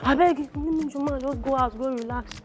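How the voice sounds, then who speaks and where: A woman's voice: sits high, brisk, a little mellow, natural voice. A woman with a Nigerian Pidgin-tinged accent playing a pushy, dismissive sister in a comedy skit. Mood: bossy. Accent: Nigerian Pidgin-tinged English. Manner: bossy, dismissive. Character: pushy older sister overstaying her welcome.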